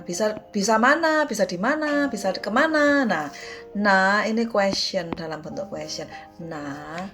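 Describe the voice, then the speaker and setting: A woman with an Indonesian accent teaching Mandarin pronunciation in a casual online lesson, repeating syllables to drill viewers. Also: medium pitch.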